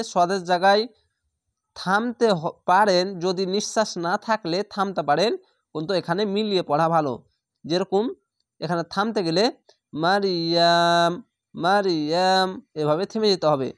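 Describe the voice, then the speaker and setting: A man teaching Quran reading, sounding out each word slowly and repeating it before explaining how to pronounce it. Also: high-pitched, dry recording, studio quality. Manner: slow, patient, repeats each word drawn out. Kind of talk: recitation lesson, word-by-word.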